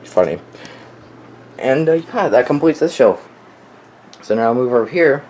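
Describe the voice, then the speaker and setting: A young man presents his weather radio collection in an unscripted, offhand, hobbyist-keen way. He has an expressive mid-range voice and a measured pace, and the home recording is clearly noisy.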